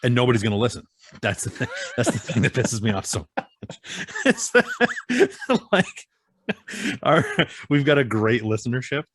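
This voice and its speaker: A man's voice: mid-range voice, huge pitch swings, moderate pace, a bit bright, husky, dry recording. A man guesting on a podcast over a video call, talking bluntly and swearing freely. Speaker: podcast guest and co-host of a motorsports show. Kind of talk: casual chat.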